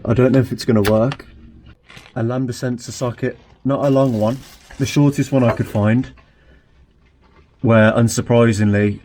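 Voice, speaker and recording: A man's voice: medium pitch, mellow, slight background noise. A man hosting a casual car repair vlog, chatting and thinking aloud with dry asides as he works in a garage. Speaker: car repair channel host.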